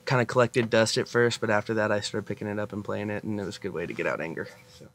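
A man's voice: lowish voice, quick pace, fairly bright tone. A man from Oregon, a band's guitarist, talking casually in a documentary interview and laughing now and then. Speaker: guitarist in a band. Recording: noisy handheld documentary audio.

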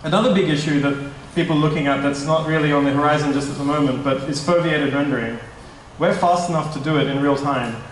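A man's voice: fairly high pitch, quick pace, few pauses, a little hiss or hum. Young man presenting in an echoey hall. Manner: casual, slightly nervous, self-correcting. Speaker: tech startup presenter. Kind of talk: conference presentation. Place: meetup hall, indoors, large room. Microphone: stand mic at a distance. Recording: echoey hall, mic at a distance.

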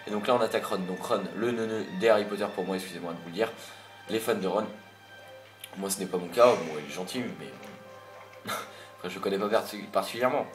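A young man with a fairly low voice talks his way through a video game in a loose, rambling manner, dropping the odd curse. He sounds a touch irritated. The recording is roomy, with game music playing clearly underneath. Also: brisk, long pauses. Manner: rambling, chatty, mild swearing. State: a bit irritated. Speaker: gameplay commentator. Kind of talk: casual gameplay commentary.

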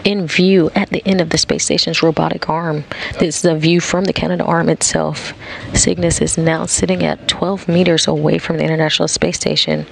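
Male live mission commentator, fairly high voice with heavy gravel. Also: level tone, normal speed, a little hiss or hum, low-quality recording.

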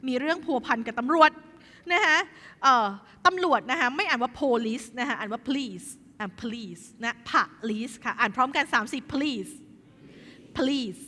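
Lively high-voiced woman tutoring. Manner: lively, chatty, asks students questions. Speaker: English tutor. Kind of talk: classroom tutoring session. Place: school hall. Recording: echoey hall.

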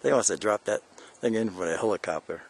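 A husky, lowish voice belongs to an older man who talks fast while filming a hiking vlog on a handheld camera. On a windy mountain trail, he narrates casually, rambling and joking with lots of fillers.

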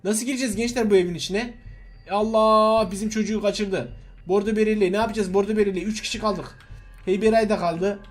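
A young man giving excitable gameplay commentary, laughing and shouting in alarm as he talks to his viewers. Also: high voice, quick pace. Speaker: gaming YouTuber.

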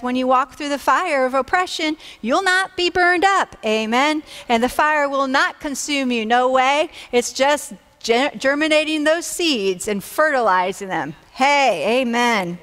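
A woman pastor in her fifties preaching a sermon on a church stage through a headset mic, energetic and encouraging, calling out amens. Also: high voice. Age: 50s. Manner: energetic and encouraging, with whooping shouts and amen calls.

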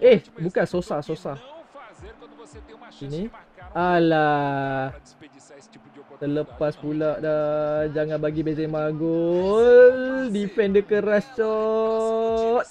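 A young man with a Malaysian accent and a high-pitched voice commentates his own football game as he plays. His pace is unhurried, broken into short exclamations and muttered asides. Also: dark tone, muffled recording. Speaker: gaming streamer.

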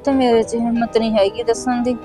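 A woman's voice: little pitch movement, a little fast, over music, natural voice. Woman playing a weary village mother. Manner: subdued, low-key, worn.

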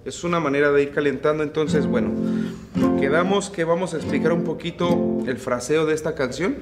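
A man with a Mexican accent, a mariachi singer teaching vocal technique in an unhurried, relaxed way. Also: on the high side, over music. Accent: Mexican Spanish. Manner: unhurried, explains phrasing, breaks into singing. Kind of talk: relaxed vocal tutorial with sung demonstrations.

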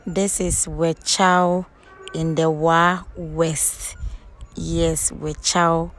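A woman's voice: deep voice, little pitch movement, extremely slow. A young woman, chatting to her viewers as a travel vlogger, recorded on a phone held at arm's length. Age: young adult. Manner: chatty, addresses viewers directly. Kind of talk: casual travel vlog. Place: outdoors on roads and in vehicles. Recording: loud road and vehicle noise. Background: traffic and engine noise.

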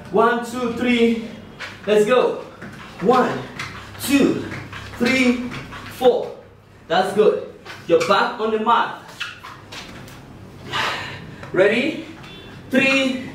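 Male aerobics instructor, middle-aged: very high voice, very slow spaced counts, exerted and encouraging, recorded far from the mic in an echoey room. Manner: encouraging, exerted, short shouted cues with puffs. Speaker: fitness instructor leading a workout. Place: indoor tiled room, on an exercise mat. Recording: echoey room, distant mic, faint noise.

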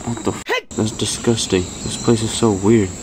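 A young man in his twenties, a travel vlogger, chats casually and thinks aloud while filming outdoors in a rural village, swearing now and then. His voice is on the low side, with little pitch movement and a normal pace. The handheld camera is held close, and its outdoor audio picks up crickets and insects.

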